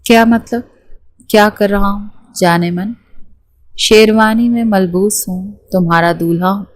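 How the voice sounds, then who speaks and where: A woman's voice: medium pitch, fairly even intonation, no echo, natural voice. A woman reading as a bossy mocking young groom. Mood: teasing. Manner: scolding, teasing.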